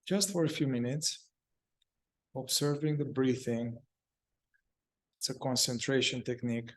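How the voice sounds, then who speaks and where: A mid-range male voice conducts a guided meditation calmly, its short, halting phrases punctuated by long pauses.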